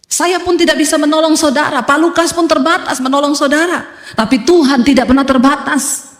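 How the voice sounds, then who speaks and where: A woman's voice: high-pitched, brisk. A woman pastor preaching a sermon emphatically, with humorous asides and acted-out quotes. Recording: echoey hall reverb.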